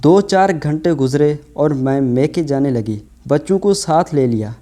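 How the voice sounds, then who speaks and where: A man narrates a moral story in the first person, with a steady and emotional delivery. His voice sits a little high but stays warm and mellow. He keeps an even storytelling pace.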